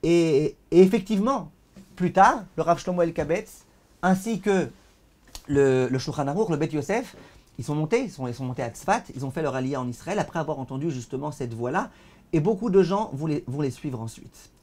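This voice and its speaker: A rabbi with a high voice teaches over a video call. He proclaims each passage with force, then explains it in a plainer tone. He often stumbles over and repeats words as he goes. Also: normal speed. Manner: declaims passages loudly, then translates them in a calmer voice; repeats words while searching for them.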